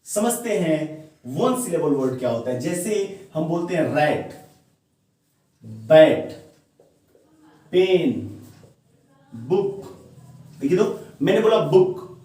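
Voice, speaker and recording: A man's voice: a little high, a little mellow. A man teaching grammar in Hindi with terms, often asking questions and answering them himself. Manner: questions the viewer often and answers himself, repeats key words. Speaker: English teacher. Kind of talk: classroom-style grammar lesson. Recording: very echoey room, voice far from the mic.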